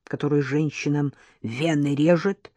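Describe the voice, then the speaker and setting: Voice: medium pitch, steady tone, unhurried, darkish tone, dry recording. A reader voicing a cheeky, secretive young maid. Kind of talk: audiobook character voice.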